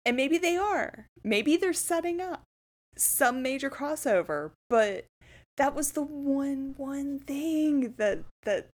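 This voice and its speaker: A woman co-hosting a casual podcast chat, animated and teasing, often laughing. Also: high voice, slow. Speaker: podcast co-host.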